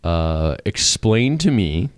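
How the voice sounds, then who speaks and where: A man's voice: sits low, sing-song, slow, no echo, studio quality. A man hosting a brewing show in casual chat, laughing often and restarting his sentences.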